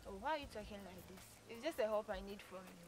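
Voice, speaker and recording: A woman's voice: medium pitch, animated, rapid-fire, lightly acted. A young woman acting as a polite woman with a hurt leg who keeps asking for help and says please constantly. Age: young adult. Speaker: actor in a short film. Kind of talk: short-film drama acting. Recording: noisy outdoor recording. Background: clear background noise.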